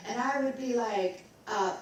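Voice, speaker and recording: A woman's voice: a little high, measured pace, a little hiss or hum. A middle-aged woman from Maryland, a vocalist, telling her story in a rambling way and scatting bits of tunes. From Maryland, USA. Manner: rambling, scats and sings snippets. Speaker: guest vocalist. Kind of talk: casual onstage interview. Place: recital hall. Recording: roomy hall, distant mic.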